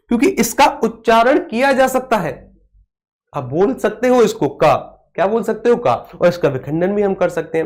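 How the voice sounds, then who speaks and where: A man teaching a live online class, asking questions and answering them himself, and stopping to reply to viewer comments. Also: sits high.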